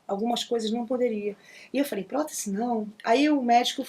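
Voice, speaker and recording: Chatty Carioca woman, fast talker. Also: on the high side, mellow, slightly rough. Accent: Carioca Brazilian Portuguese. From Brazil (Rio de Janeiro). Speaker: guest, singer and percussionist. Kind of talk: casual interview chat.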